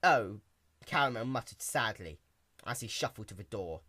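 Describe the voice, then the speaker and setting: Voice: medium pitch, animated, fairly quick, pushed and bright. A narrator reading stories aloud in a hammy, theatrical stage-actor manner, like a dramatic reading with character voices. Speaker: narrator doing dramatic readings of fan fiction.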